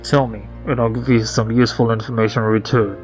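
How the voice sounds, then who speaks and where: A man voicing a cryptic anonymous caller whose voice comes through a phone with heavy distortion, calm and measured with veiled threats. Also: medium pitch, soft background music, pitched below the performer's own voice. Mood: cool. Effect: heavily distorted phone voice. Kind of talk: reading a game aloud with voices.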